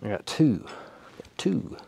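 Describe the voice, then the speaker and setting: A man's voice: slow pace, background noise. Folksy man teaching in a workshop. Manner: folksy, emphatic, demonstrating with gestures. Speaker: welding instructor. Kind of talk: hands-on how-to demonstration. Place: small workshop with machine tools, indoors. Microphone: clip-on lapel mic.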